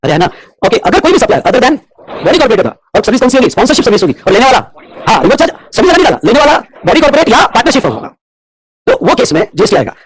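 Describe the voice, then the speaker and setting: Fast-talking, husky male teacher. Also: very high voice, big pitch swings. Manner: rapid mix of Hindi and English, constantly checking whether students follow. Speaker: commerce teacher. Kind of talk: classroom lecture on tax law. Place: classroom with students.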